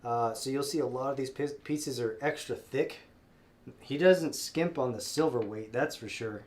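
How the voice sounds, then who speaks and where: Hosting a sale on a live stream, a stuffed-up man with a cold keeps up casual, friendly talk that rambles and is packed with fillers and restarts. His voice is mid-range and darkish, at a normal speed.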